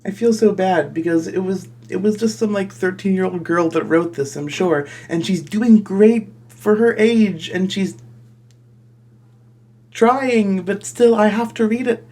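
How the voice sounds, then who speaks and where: Warm and high-sitting, this man's voice stays unhurried as he hosts a comedy video, reading fan fiction theatrically and breaking in with mock-outraged, exasperated remarks over soft background music.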